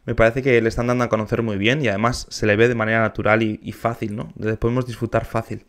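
A man's voice: fairly low pitch, little pitch movement, quick pace. Eager man reacting to a clip. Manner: enthusiastic, sings short snatches to demonstrate. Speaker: musician reacting to videos. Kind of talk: casual reaction commentary.

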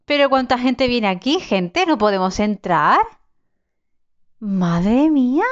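Woman, young adult, let's-play commentary, smooth clear voice, dull lo-fi sound. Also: fairly high pitch, animated, slow. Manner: chatty, swearing, exclaiming at the game. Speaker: gaming channel host.

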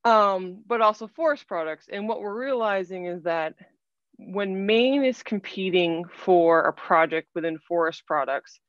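A woman in her thirties giving an online webinar presentation from a small room, explaining things in a measured way with some fillers. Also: on the low side, no room sound. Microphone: laptop webcam video call. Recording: dull, dry video-call audio.

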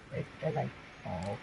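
A man's voice: on the low side, gravelly, noisy background. A man chatting over a headset during a co-op shooter game, ranting and swearing in frustration at his teammates. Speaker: gamer streaming co-op play. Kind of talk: casual gaming chat.

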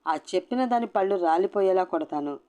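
A woman's voice: lowish voice, expressive, a little fast, natural voice. A woman voicing a fierce confrontational young wife. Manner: sharp, scolding.

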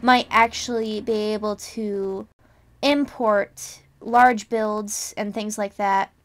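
A woman's voice: medium pitch, fairly even intonation, takes it slowly. A young adult woman hosting a casual game tutorial, chatty and rambling, often correcting herself and teasing her viewers. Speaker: channel host.

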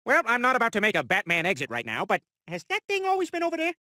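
Bright, nasal oafish cartoon dad. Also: male voice, very high-pitched, wildly swooping pitch, fast talker, no room sound, clean studio sound, full character voice. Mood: sheepish. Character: oafish, shameless middle-aged suburban dad. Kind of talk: animated comedy voice acting.

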